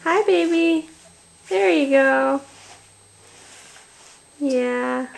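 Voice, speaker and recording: Mom cooing at her baby, high voice, super slow, bit of fry. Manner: slow, soft, cooing and encouraging. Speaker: parent. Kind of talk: baby talk to an infant.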